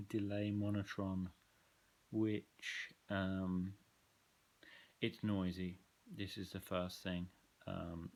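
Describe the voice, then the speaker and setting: A man with a fairly low voice talks through his effects pedals at a slow, easy pace. He rambles, fills gaps with ums, and gives blunt, offhand opinions. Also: creaky. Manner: loose and rambling, frequent ums, candid opinions. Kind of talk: casual gear walkthrough.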